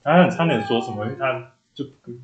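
A man's voice: mid-range voice, quick pace, muffled recording, a crowd in the background. A man, co-hosting a podcast, telling a personal story in casual chat and acting out the quoted dialogue. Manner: animated storyteller who acts out quoted dialogue. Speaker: podcast co-host. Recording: echoey room.

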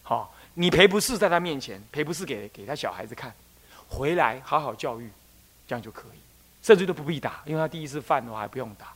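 A man's voice: mid-range voice, animated, fast talker, fairly bright tone, breathy edge. A man, a Buddhist abbot from Taiwan, giving a casual talk on raising children, acting out little parent-child scenes and often checking that listeners follow. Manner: conversational, acts out parent-child dialogues, frequent "懂我意思吗" check-ins.

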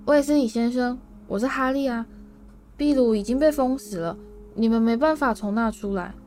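An earnest teenage boy wizard, voiced by a woman reading a storybook, slightly higher and brighter than the narration. He explains calmly while trying not to laugh, over faint music. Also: moderate pace, lightly acted. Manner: earnest, holding back laughter.

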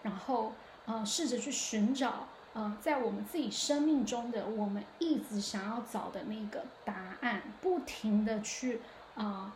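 Chatty woman with a higher voice. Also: unhurried, darkish tone, slight background noise. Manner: chatty and reflective, lots of hesitations and restarts. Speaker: podcast host. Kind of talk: casual solo podcast monologue. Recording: echoey room.

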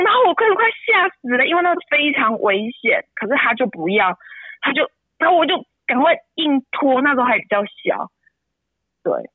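A woman's voice: breathy edge, no echo. A woman pours out an emotional story. Her voice breaks and leaps upward when she gets upset. She sounds close and dry, squeezed through a narrow phone line. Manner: tearful, pitch jumps high when upset. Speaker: interview guest, mother. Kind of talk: emotional personal account.

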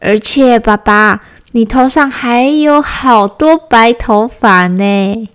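A woman's voice: on the high side, slow pace, smooth. A woman voicing a cheerful, curious little boy bear cub in a children's bedtime story. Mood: playfully explaining. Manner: bright, playful child voice.

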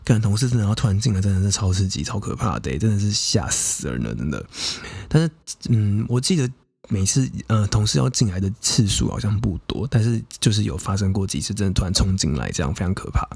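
Husky low-voiced man telling a story. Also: sing-song, fast talker, darkish tone, no echo. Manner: frank, profane, chatty with many fillers. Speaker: podcast host. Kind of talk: casual first-person storytelling.

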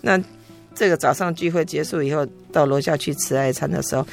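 A middle-aged woman earnestly telling her faith testimony as an interview guest, emotional and halting with frequent restarts. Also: sits low, creaky, soft background music.

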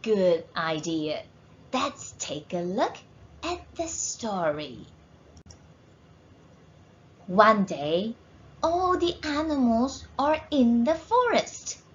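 A woman's voice: fairly high pitch, very animated, very slow, long pauses, lo-fi sound, a little hiss or hum. A woman teacher reading a storybook aloud to children, encouraging them and asking questions.

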